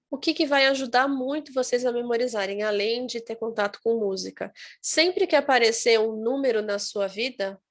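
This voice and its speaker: A woman's voice: fairly high pitch, a bit bright. A woman teaching an online English lesson, drilling words with exaggerated stress and checking in often with her viewers.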